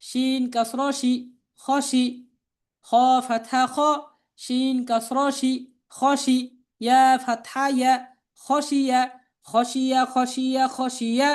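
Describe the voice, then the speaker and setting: A woman with a Bangladeshi Bengali accent leads a patient spelling drill, naming each letter and vowel and repeating every syllable. Her voice sits high and she takes it slowly. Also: level tone. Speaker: Quran reading teacher. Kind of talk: slow spelling drill lesson.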